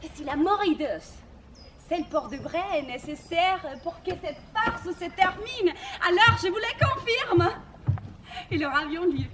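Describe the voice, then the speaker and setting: An actress in a theatrical monologue, playing a bitter, mocking Irish woman who rants against the English with crude sarcasm and sudden shouted outbursts. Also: extremely high pitch, expressive, measured pace. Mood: sardonic. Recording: noisy camcorder recording.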